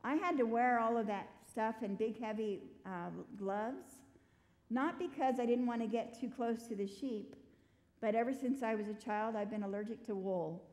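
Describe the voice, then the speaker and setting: A woman's voice: on the high side, normal speed, darkish tone. Woman pastor preaching in a reverberant church. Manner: conversational preaching with direct questions to the congregation. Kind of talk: sermon. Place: church sanctuary stage. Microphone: far camera. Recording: reverberant church hall from a distance.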